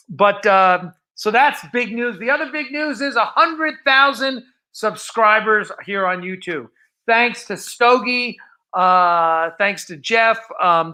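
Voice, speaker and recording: On the starship-bridge set of a fan production, a man with a high-pitched, sharp voice hosts a livestream. His talk is loose, rambling and informal.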